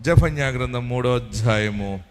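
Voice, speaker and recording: A man with a Telugu accent preaching as pastor, telling stories and breaking into loud bursts. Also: mid-range voice, moderate pace, big-room sound, a little hiss or hum. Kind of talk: sermon.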